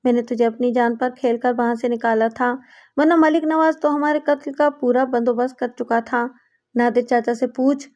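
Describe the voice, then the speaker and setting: A woman's voice: sits high, dark tone, close to an everyday voice. A woman voicing a hot-tempered, tormented young man in an audiobook, reading his lines with impassioned pleading.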